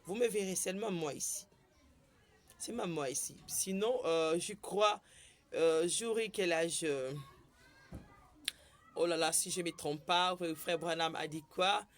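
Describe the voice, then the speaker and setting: A woman's voice: lowish voice, measured pace, long pauses. Woman preacher, informal and exclamatory, peppers her talk with amens. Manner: exclamatory, frequent amens, shifts between French and Lingala.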